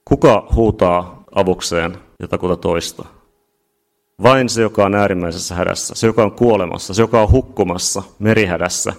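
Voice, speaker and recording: A man preaching a sermon, emphatic and building to shouts at key points. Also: low-pitched. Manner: emphatic, rising to shouts at climaxes.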